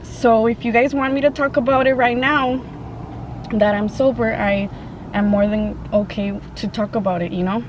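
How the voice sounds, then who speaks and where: A woman chatting casually and haltingly to viewers in slangy, informal speech while eating, sometimes with her mouth full. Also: a little high, steady tone. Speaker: mukbang vlogger. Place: open-top Jeep outdoors. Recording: clear car and outdoor ambient noise.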